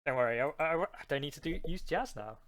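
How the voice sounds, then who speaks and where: A man's voice: fairly high pitch, lively intonation, quick pace, fairly bright tone. A man streaming a card game live, chatting casually with his viewers and rambling between plays.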